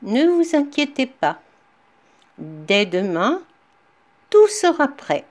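Generous storybook woodcutter, loud cheerful calls, lively pitch; woman reader voices him. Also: slow, heavily acted. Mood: calling out. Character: poor, generous woodcutter man.

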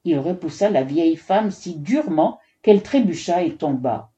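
Brief: expressive female storyteller, mellow tone, slightly muffled recording. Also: on the low side, normal speed. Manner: expressive, voices every character. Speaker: narrator. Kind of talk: storybook narration.

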